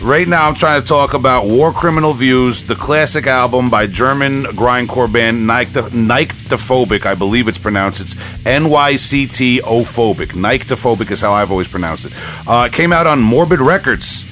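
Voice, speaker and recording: Speaking at a normal speed in a mid-range, fairly bright voice, a man hosts a casual music podcast. His talk is rambling, enthusiastic fan chatter, set against background music.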